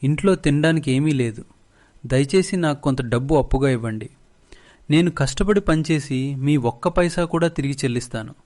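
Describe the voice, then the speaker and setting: A man's voice: fairly high pitch, moderate pace, darkish tone, natural voice. A man voicing a poor, humble farmer who pleads for help for his son. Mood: pleading. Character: poor humble young farmer, a worried father.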